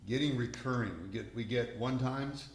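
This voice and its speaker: A man's voice: medium pitch, moderate pace. A man in a group discussion, talking thoughtfully and searching for his words. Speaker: class participant in ministry. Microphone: video call. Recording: roomy sound with faint noise.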